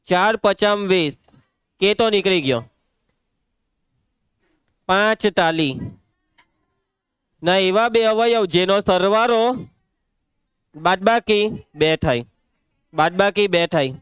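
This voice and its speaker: A young man with a Gujarati accent teaching a maths class, working through problems briskly, quizzing pupils by name and telling them to settle down. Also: high-pitched, fairly bright tone, clear, resonant tone, dry recording. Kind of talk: live classroom lesson.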